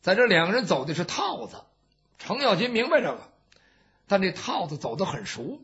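High-voiced guy telling an old story, super animated, muffled lo-fi sound. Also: moderate pace, breathy edge. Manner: lively, dramatic, colloquial. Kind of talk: traditional storytelling performance. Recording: dull lo-fi recording.

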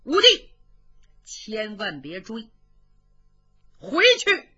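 A blunt, brotherly old general urging a friend back, as a woman storyteller voices him, bright and emphatic with big swings in pitch. Heard through a dull, lo-fi recording. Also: huge pitch swings, drawn-out words, slightly rough, faint music behind, exaggerated voice. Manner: pleading, urgent, brotherly.

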